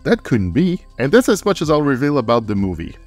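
A man's voice: mid-range voice, very animated, a little fast, no echo. A man giving a scripted film review as host, with wry, slangy, crude humour, close on the microphone. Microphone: close microphone, voice-over. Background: faint music.

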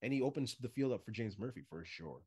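A man co-hosting a casual sports podcast, bluntly firing quick questions at his partner. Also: medium pitch, lively intonation, darkish tone, husky, dull audio. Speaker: podcast co-host.

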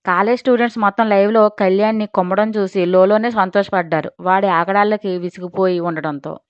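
Female storyteller, dramatic and expressive, mid-pitched; dry, slightly dull recording. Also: a little fast, clear, resonant tone, dry recording. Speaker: audio story narrator. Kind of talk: scripted storytelling narration.

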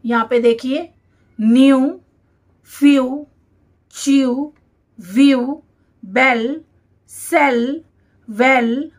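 Very slow high-voiced woman teacher. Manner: reads each word slowly and repeats it. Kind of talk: slow English word dictation lesson.

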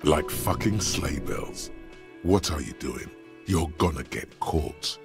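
A gravelly, deadpan game narrator. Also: male voice, slow, heavily acted. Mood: wry. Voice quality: deep gravelly voice. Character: gravelly omniscient male narrator, wry and grim. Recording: game audio over background music.

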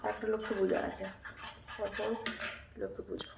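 Woman, home vlog, quiet tired voice, gravelly edge, echoey room with clattering dishes. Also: medium pitch, level tone, brisk. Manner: speaks softly and quietly after a workout. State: tired after exercise. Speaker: vlogger. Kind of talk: casual daily vlog narration. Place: home kitchen. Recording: echoey room with loud household noise.

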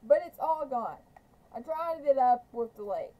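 A woman's voice: high voice, lively intonation, a little slow, mellow, low-quality recording. A woman reading the lines of a desperate, worn-down woman, pleading and rambling. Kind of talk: amateur audiobook reading.

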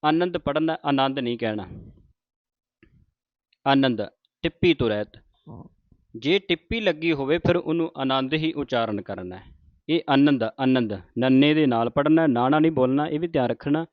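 A man teaching how to pronounce scripture lines. He recites each verse very slowly and deliberately, then explains it in plain conversational speech. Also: mid-range voice, animated, dry recording, muffled recording. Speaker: Gurbani pronunciation teacher.

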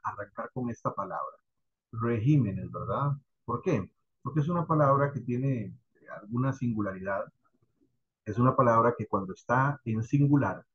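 Through lo-fi sound comes a mid-range male voice with a Costa Rican accent. He's teaching a class online, patiently explaining and frequently checking on students by addressing them directly with "¿verdad?" and "¿ok?".

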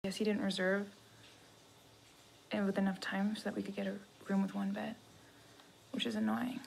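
A woman's voice: mid-range voice, flat delivery, moderate pace, creaky, slightly rough. An actress playing a reluctant young woman on a road trip in a found-footage film, with casual naturalistic delivery. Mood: mildly annoyed.

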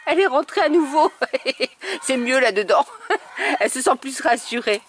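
A woman's voice: high-pitched, expressive, moderate pace, a little hiss or hum. Chatty woman cooing at puppies outdoors. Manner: chatty, coos affectionately at the puppies. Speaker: dog breeder filming her puppies. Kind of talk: casual vlog narration. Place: outdoors by a kennel.

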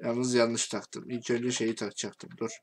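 A man with a Turkish accent giving casual game commentary, talking to himself and swinging from quiet muttering to angry shouting. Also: medium pitch, flat delivery, a little slow, a little hiss or hum. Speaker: gaming YouTuber.

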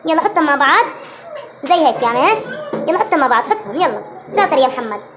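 A woman's voice: high voice, very animated, racing, background noise. A woman teaching kindergartners to count, coaxing them to speak up and praising each child. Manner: encouraging, repeatedly urging pupils to speak louder and praising them. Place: kindergarten classroom.

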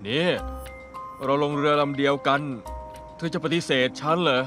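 A man's voice: fairly high pitch, fairly even intonation, normal speed, over music, close to an everyday voice. A man dubbing a sly young man who threatens his partner in crime, in a Thai drama dub, with a taunting delivery.

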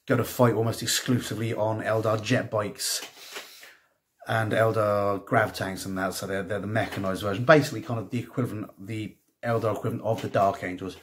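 Low-ish guy doing a casual review, lots of ums and restarts, reads bits out loud. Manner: rambling, full of ums and restarts; reads passages aloud. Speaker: tabletop hobby reviewer.

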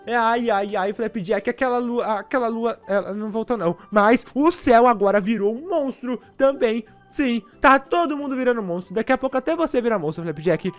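A man with a Brazilian Portuguese accent doing playful gameplay commentary, excitable and sighing often as he talks to his viewers. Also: extremely high pitch, brisk, few pauses, soft background music. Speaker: gaming YouTuber.

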